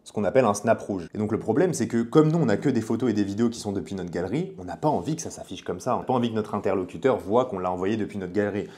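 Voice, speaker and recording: Fast-talking, deep-voiced man teaching. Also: warm tone. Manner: fast, chatty, addresses the viewer directly. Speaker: online business coach. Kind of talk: casual tutorial.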